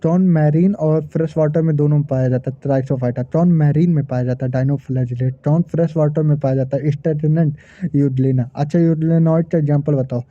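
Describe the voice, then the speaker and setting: A male biology teacher running a quick-fire revision quiz, asking questions and answering them himself, with hesitant fillers as he recalls terms. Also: on the high side, fairly even intonation, no echo. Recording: tinny phone-like recording, dry.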